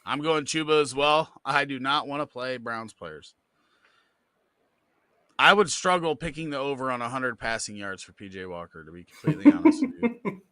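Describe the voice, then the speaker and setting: Easygoing male co-host, very bright tone, dead-dry close-mic sound. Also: medium pitch, moderate pace, no echo. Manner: relaxed, easygoing, with fillers. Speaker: podcast co-host reading viewer questions. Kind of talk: casual live Q&A chat.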